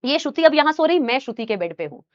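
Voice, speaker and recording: A young woman teacher telling a personal story in a casual, animated way, addressing listeners like her students. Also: high-pitched, quick pace, no room sound, highs cut off.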